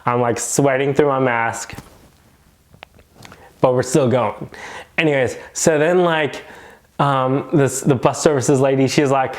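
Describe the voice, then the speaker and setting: A man who works as a nurse recounts something that happened to him, casual and animated, packing his sentences with "like." His pitch is ordinary, and he speaks slowly with long pauses.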